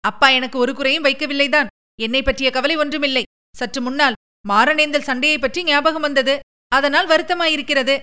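A woman's voice: high-pitched, steady tone, moderate pace, pushed and bright, voice pushed up. A woman voicing a restless lovesick young princess. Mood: troubled. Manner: pleading, emotional.

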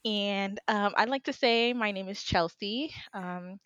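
A young woman guests on a podcast, chatting in a bubbly, cheerful way and laughing often. Her voice is mid-pitched. The recording sounds dull and dry, like a lo-fi mic. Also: unhurried, fairly bright tone, dry recording. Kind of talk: casual podcast chat.

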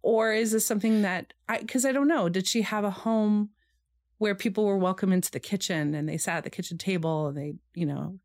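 A woman's voice: medium pitch, a little mellow, no room sound. Reflective woman podcast host, dry sound. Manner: reflective, reads quotes aloud slowly. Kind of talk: casual chat about historical recipes.

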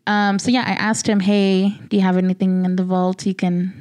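A woman's voice: medium pitch, flat delivery, fairly quick, darkish tone, dry recording. A woman co-hosting a casual podcast, laid-back and laughing often, swearing freely as she tells a story. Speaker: podcast co-host.

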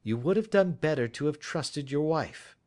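A man voicing a shrewd male detective who speaks in a dry, assured, measured way. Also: fairly high pitch, expressive, darkish tone, voice pushed up, lightly acted.

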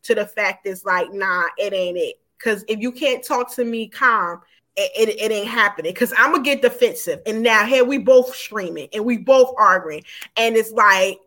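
Higher-voiced woman telling her story frankly. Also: normal speed, pushed and bright. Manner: frank, informal, run-on telling with many fillers. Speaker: podcast guest. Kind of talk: candid personal storytelling.

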